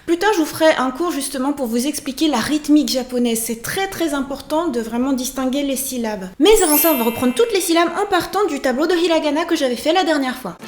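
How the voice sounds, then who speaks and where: A woman with a high voice teaches pronunciation in a lively video lesson. She stretches out sample sounds and laughs along the way. Her voice rings in a roomy, echoing space. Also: fast, hardly any pauses. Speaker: language teacher, channel host. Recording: roomy echo.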